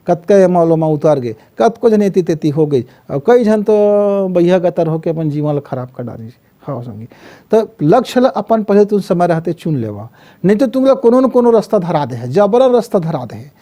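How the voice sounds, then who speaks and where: High-pitched Chhattisgarhi man giving life advice. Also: mellow. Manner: storytelling, acts out voices of villagers and parents. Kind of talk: motivational talk.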